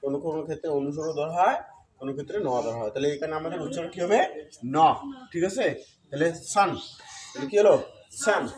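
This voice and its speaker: Patient teacher drilling syllables. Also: male voice, on the high side, a little mellow. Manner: repeats syllables slowly, asks the listener questions and answers them himself. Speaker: Sanskrit recitation teacher. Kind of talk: step-by-step pronunciation lesson. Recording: crowd noise in background.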